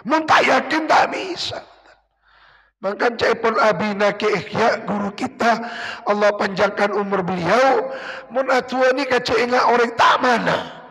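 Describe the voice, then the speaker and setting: A man's voice: sits high, fairly bright tone. A man teaching Quran commentary, drawing out Arabic phrases and pleading in prayer. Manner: slow, drawn-out chanting of Arabic, emotional pleading prayers. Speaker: kyai teaching tafsir. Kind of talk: pesantren kitab study sermon. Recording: long hall reverb.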